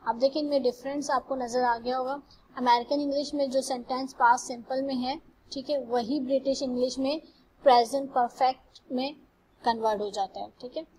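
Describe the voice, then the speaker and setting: A woman teaching English grammar, reading example sentences slowly and carefully before translating them. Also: high-pitched, steady tone, darkish tone, a little hiss or hum, low-quality recording. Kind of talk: classroom lecture.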